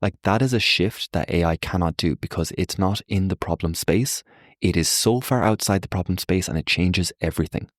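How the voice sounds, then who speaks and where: A young man, a podcast guest, explaining ideas in relaxed conversation, animated and acting out quoted voices, with many fillers. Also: sits low, moderate pace, no room sound, studio quality. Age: young adult. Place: Ireland.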